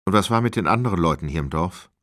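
A man's voice: deep voice, animated, quick pace, fairly bright tone, no echo, studio quality. A man reading an audiobook, voicing an urgent female police officer who questions witnesses in a clipped, insistent way.

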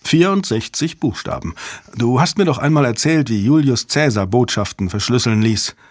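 A man's voice: mid-range voice, animated, normal speed, no room sound, clean studio sound, close to an everyday voice. A man reading an audiobook, voicing a clever young man who speaks decisively and firmly. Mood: calm. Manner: decisive, firm. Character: calm clever young man guiding by monitor. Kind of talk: audiobook character voice.

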